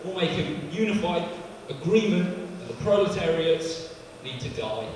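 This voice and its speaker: A man's voice: on the high side, lively intonation, a little slow, a little hiss or hum. Sardonic young man doing stand-up. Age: 20s. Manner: sardonic, rambling, bursts into shouting. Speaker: stand-up comedian. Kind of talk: live stand-up set. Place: live comedy venue. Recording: echoey hall from far off, crowd.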